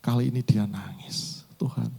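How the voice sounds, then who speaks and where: Gravelly husky male preacher. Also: mid-range voice, moderate pace. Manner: animated storytelling, addressing the congregation directly. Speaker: pastor. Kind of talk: sermon.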